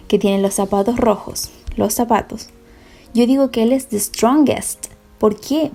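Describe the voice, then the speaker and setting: Patient, mellow-voiced woman teaching. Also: a little high, husky. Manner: patient, step-by-step explaining, checks understanding. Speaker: English teacher. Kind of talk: recorded classroom lesson.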